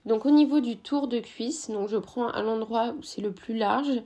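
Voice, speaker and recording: A woman's voice: on the high side, moderate pace, warm tone, roomy sound. A young woman vlogging about her fitness routine, chatting casually with viewers and using lots of fillers. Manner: chatty, frequent fillers, addresses viewers directly. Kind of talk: casual explanatory vlog.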